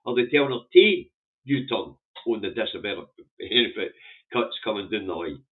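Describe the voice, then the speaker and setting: A vlogger whose first language is Scots rattles off casual, opinionated commentary on the day's newspaper front pages, fairly quickly and in an animated way. His voice is on the low side, and his broad Scottish accent carries a blunt, sweary, rambling manner. The recording sounds muffled, narrow-band and phone-like.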